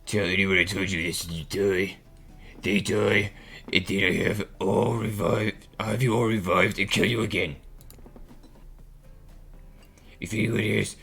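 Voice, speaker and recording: A brooding male killer with a rough, gravelly edge and a breathy rasp to his voice, put on by a man reading game lines. He teases and threatens in the same breath, holding back warmth. There is soft music underneath. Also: lowish voice, steady tone, normal speed, voice pushed up, heavily acted. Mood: menacing. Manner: gruff, withholding, teasing menace. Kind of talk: reading game dialogue aloud.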